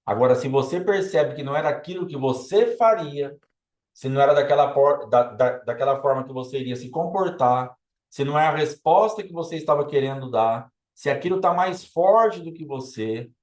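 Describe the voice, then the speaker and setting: Brazilian pastor preaching in a roomy hall. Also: male voice, mid-range voice, darkish tone. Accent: Brazilian Portuguese. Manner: earnest, repetitive, acts out quoted objections. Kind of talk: preached teaching sermon.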